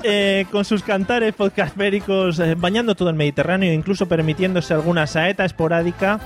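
A man's voice: high voice, fairly even intonation, fairly quick. A man hosting a casual podcast chat, joking and laughing often. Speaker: podcast host.

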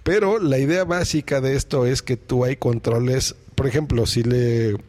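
This man's voice is mid-range with a darkish tone, moving at normal speed. A podcaster, he explains audio gear step by step to viewers in a relaxed tutorial from his home mixing desk, recorded on a studio mic routed through the desk.

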